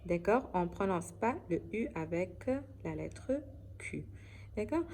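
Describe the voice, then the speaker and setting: Female teacher, lowish voice, very slow and careful, explains letter sounds and keeps checking understanding. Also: lively intonation, darkish tone, a little hiss or hum. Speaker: French teacher. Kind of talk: phonics lesson.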